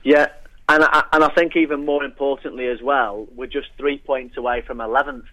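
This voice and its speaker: A man's voice: mid-range voice, fairly even intonation, brisk, bright, forceful tone, no echo. A man chatting casually about football as a guest over a telephone. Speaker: phone-in podcast guest. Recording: dull phone line.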